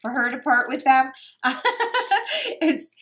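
A woman's voice: high-pitched, steady tone, slow pace. A woman from New York chatting casually as she unboxes craft mail, gushing and laughing often. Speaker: craft vlogger.

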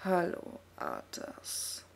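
A woman reading aloud and voicing a horned, smug male demon elf lord in a deep, sinister way. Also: extremely slow, a little hiss or hum. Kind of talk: audiobook reading.

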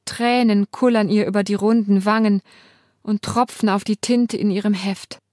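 A woman reads a first-person novel aloud with dramatic, emotional delivery at a mid-range pitch. The recording is dry and close-miked, with no room sound. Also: fairly even intonation, normal speed, a little mellow, no echo. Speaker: audiobook narrator. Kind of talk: first-person audiobook narration.

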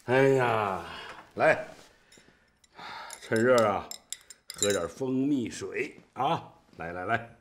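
A man's voice: medium pitch, lively intonation, takes it slowly, slight background noise. An older actor playing a kindly old man who coaxes and fusses over a sick young woman in a TV drama. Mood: soothing. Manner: coaxing, fussing, repeats himself. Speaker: elderly caretaker. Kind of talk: TV drama acting.

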